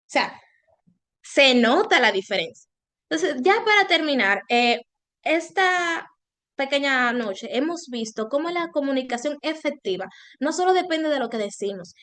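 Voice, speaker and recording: High-voiced woman presenting a webinar. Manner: expressive, varies loudness and intonation on purpose. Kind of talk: online webinar talk.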